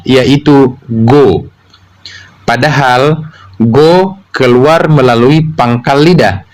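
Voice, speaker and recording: A man teaching pronunciation, explaining slowly and drilling letter sounds one syllable at a time. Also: mid-range voice, poor audio. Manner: slow, deliberate, pronounces syllables one by one for learners. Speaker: Quran recitation teacher.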